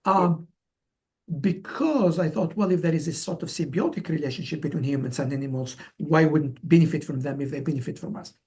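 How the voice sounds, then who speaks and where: A company founder from Algeria, a man in his forties, tells his story conversationally as an interview guest. His voice is a little high and a little mellow, and he speaks haltingly, often repeating words and restarting.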